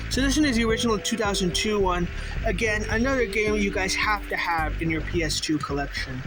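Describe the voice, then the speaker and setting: A young man hosting a casual vlog, chatting informally to viewers with loosely enunciated words because a mouth ulcer makes it hurt to talk. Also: sits high. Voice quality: loose, not fully enunciated articulation. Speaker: video host. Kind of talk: casual game collection vlog.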